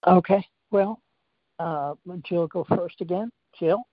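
A woman's voice: lowish voice, slow, no room sound, highs cut off. A woman co-hosting a political talk panel who briefly hands the turn to each speaker. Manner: brief, passes the turn around. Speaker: co-host.

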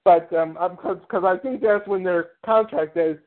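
A man's voice: high-pitched, moderate pace. A man calling in to a talk show, speaking hesitantly with many restarts. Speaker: caller and show guest. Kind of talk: casual call-in chat. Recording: tinny phone line.

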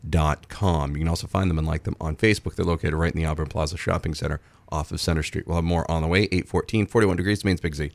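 A man with a very low, gravelly and hoarse voice hosting morning radio. He speaks close to the mic in a dry studio, cracking jokes between plugs. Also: fairly even intonation, fast, few pauses, no room sound. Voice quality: gravelly voice today. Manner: jokey, wisecracking. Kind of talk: casual radio talk with promo reads. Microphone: studio microphone.

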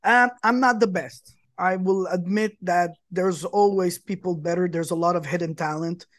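A man's voice: sits high, steady tone, normal speed, a bit bright, no echo. A man from Quebec, a musician guest on a talk show, eagerly telling long stories about his career. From Quebec, Canada. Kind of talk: casual interview chat.

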